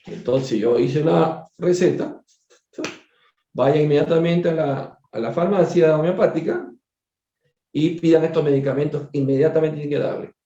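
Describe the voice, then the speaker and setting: A man's voice: a little high, normal speed, dark tone. Man lecturing in an echoey room. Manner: digressive, conversational, with repeated words and asides to listeners. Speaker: doctor giving a spiritist book study. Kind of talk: storytelling lecture. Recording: echoey room, dull lo-fi sound.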